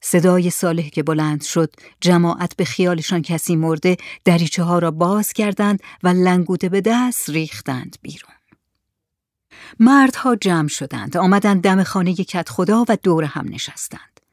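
Measured storyteller, dry close sound. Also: mid-range voice, no room sound. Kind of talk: scripted narration of a story.

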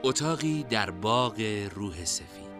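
Expressive male novel narrator. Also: lowish voice, music in the background.

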